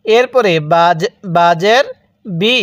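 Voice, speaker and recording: A man's voice: sits high, no echo. A man teaching Quran reading step by step, stretching out each syllable and prompting the learner to repeat after him. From Bangladesh. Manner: drawn-out slow syllables, repeats and prompts learner to read along. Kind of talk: step-by-step recitation lesson.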